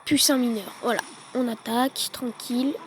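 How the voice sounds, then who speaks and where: A woman giving relaxed, chatty play-by-play commentary on her own gameplay, with quick excited bursts. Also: fairly high pitch, low-quality recording. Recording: noticeable background noise.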